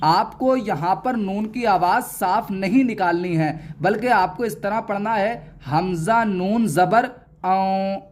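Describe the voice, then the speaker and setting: A man's voice: high-pitched, measured pace, hardly any pauses. A man teaching Quran reading in a recorded lesson, patiently spelling out each syllable and repeating it.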